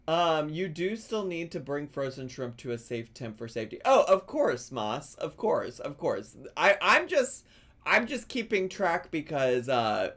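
An animated man streams comedic reactions, with his pitch swinging widely. He talks slowly and casually, with a mocking, incredulous edge. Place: small indoor room, streaming on camera.

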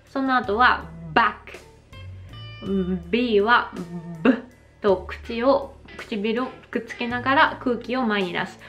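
A Japanese woman in her thirties giving a slow, careful pronunciation lesson, exaggerating her mouth shapes when she demonstrates sounds. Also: on the high side, a bit bright, faint music behind. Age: 30s. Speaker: English pronunciation teacher. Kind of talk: slow explanatory vlog lesson.

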